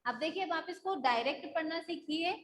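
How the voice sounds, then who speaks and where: A woman's voice: extremely high pitch, brisk, a bit bright, roomy sound, rough recording. A woman school teacher taking a live online class, patiently drilling syllables and checking that the students follow.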